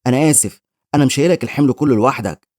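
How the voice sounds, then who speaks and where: Male narrator doing a gentle sickly older brother, Egyptian Arabic accent, quick, dry. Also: medium pitch, no room sound, lightly acted. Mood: sad. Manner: sad, gentle.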